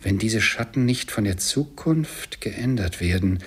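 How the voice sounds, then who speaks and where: A man voicing a solemn, stern male ghost of Christmas who speaks slowly and gravely, at times in a whisper. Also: lowish voice, lively intonation, full character voice.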